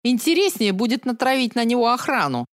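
A woman voicing a loud, indignant female herb trader in an audiobook, wailing and shrill. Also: sing-song, fairly quick, no echo, studio quality.

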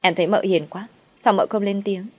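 A woman's voice: mid-range voice, fairly even intonation, brisk, darkish tone, no echo, natural voice. A woman playing a loyal indignant young maid. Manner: pleading, indignant.

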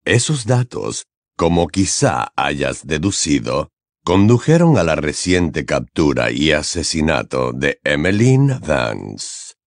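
A man reads an audiobook character, a cold and calculating figure who replies with calm, sardonic sarcasm. The heavily acted voice is very deep, slow, low and measured, with vocal fry and wide pitch swings. The sound is dry and close, with no room sound.

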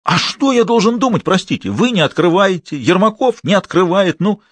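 A man voicing a hot-tempered middle-aged hospital deputy chief who shouts and bosses people around. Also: high voice, moderate pace, dry recording, voice pushed up. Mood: agitated. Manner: shouting, excitable, bossy.

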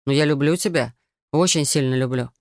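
A woman's voice: low-pitched, a little fast, no room sound, studio quality. A woman doing a smug self-justifying young man. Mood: defensive.

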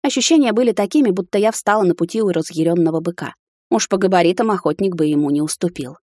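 Low-voiced woman narrating a romance. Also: fast, a little mellow, no room sound, clean studio sound. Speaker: audiobook narrator. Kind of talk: first-person scripted novel narration.

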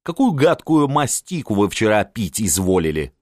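A man's voice: fairly low pitch, big pitch swings, moderate pace, a little mellow, no room sound, studio quality. A man voicing a sleepy, grumbling noblewoman, the field marshal's wife, in an audiobook. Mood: peevish. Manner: sleepy, peevish.

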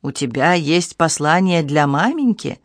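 A woman's voice: low-pitched, lively intonation, a little slow, no echo. An insistent woman medium running a séance in a storybook reading, her voice urgent and commanding, as a narrator puts her on. The sound is dry and close, with no room around it. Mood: solemn.

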